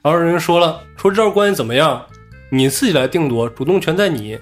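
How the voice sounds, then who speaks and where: A man casually telling a story from his own life on a podcast, animated and acting out what others said. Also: on the high side, fast, faint music behind. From Inner Mongolia.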